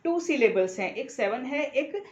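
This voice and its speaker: A woman's voice: high voice, expressive, unhurried, a little mellow, highs cut off. A woman with an Indian accent, giving a classroom lecture and patiently restating each point several times. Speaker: teacher-education lecturer. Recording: roomy echo.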